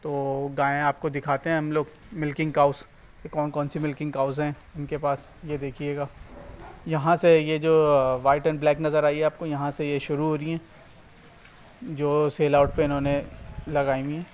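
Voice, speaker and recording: A man's voice: on the high side, monotone, moderate pace. A man, hosting a casual farming vlog as he walks through an open cattle shed and points things out to his viewers. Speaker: farming channel host. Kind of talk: casual walking tour vlog. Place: outdoors on a road, then inside an open-sided cattle shed.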